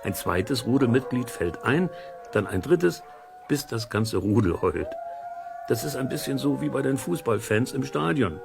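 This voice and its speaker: Speaking at medium pitch with lively intonation and a measured pace, this host and storyteller guides kids through an educational audio play. He keeps explanations simple, chatty, and full of playful comparisons. Vocal fry colors his speech, and the background is noisy.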